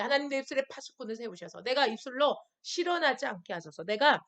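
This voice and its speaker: A woman pastor preaching a sermon to a youth service. She often asks her listeners questions and acts out short quoted voices. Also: sits high. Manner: acts out voices of people and God in quoted asides. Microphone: screen-recorded stream.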